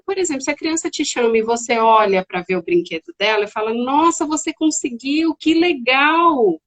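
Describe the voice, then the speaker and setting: A woman's voice: fairly high pitch, rough recording. A middle-aged woman with a Brazilian accent, a psychiatrist explaining child behaviour in a casual educational chat, often acting out children's voices. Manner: animated, acts out children's voices.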